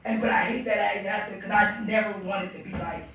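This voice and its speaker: A man's voice: high-pitched, steady tone, fast. A man telling a rambling personal story during casual group banter, starting over again and again. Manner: rambling storytelling with many restarts. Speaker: podcast co-host telling a story. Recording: echoey room, distant mic, noisy.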